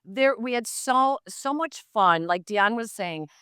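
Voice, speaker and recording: A woman's voice: a little high, unhurried, clear, resonant tone, dry recording, clean studio sound. A woman in her fifties, a sports broadcaster guesting on a podcast, tells rambling stories with lots of fillers. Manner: animated, rambling with many fillers. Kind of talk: casual anecdotal storytelling.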